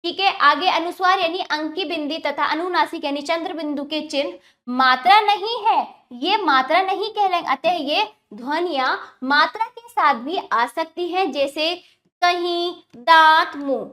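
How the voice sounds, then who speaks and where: In a grammar lesson for young kids, a high-voiced woman speaks with a bright, forceful tone. She patiently asks questions and answers them on her own, and when spelling example words she slows and emphasizes every one.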